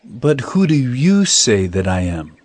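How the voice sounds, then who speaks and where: An actor playing Jesus as a commanding, earnest teacher, speaking emphatically in a dramatized scripture reading. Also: male voice, mid-range voice, sing-song, slow pace, a little mellow, no room sound. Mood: questioning.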